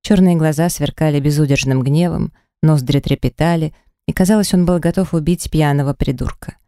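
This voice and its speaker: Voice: medium pitch, brisk, warm tone, no room sound. A narrator reading a first-person romance audiobook dramatically and expressively into a close mic.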